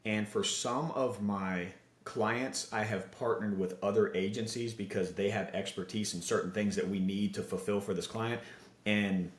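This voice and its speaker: A man talking as a podcast guest, telling stories and giving motivational advice with energy. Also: fairly low pitch. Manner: energetic storyteller, motivational, fast asides. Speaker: podcast guest, digital marketing agency owner. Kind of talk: casual interview chat. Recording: roomy echo.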